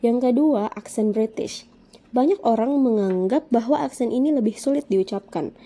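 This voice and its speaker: A woman lecturer giving a measured, explanatory scripted lesson narration. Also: a little high, dark tone.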